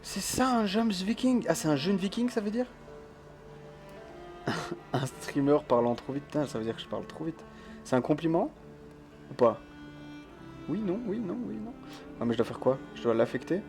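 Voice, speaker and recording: A man's voice: fairly high pitch, lively intonation, normal speed, pauses often, a little mellow, soft background music. A male streamer who keeps his voice down, chatting casually as he plays a game and reads the chat, laughing often. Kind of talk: casual let's-play chat. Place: home room with thin walls.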